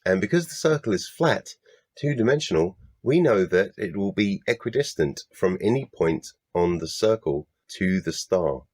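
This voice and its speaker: Sarcastic British man, lively pitch. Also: moderate pace, no room sound. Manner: sarcastic, exasperated, swears often. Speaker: YouTube debunking commentator. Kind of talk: scripted commentary rebuttal.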